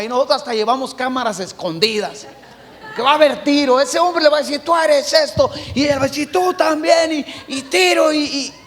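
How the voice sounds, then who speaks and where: A middle-aged Mexican pastor preaching a sermon, swinging between shouts and hushed passages. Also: male voice, very high-pitched, in a large hall. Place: church hall.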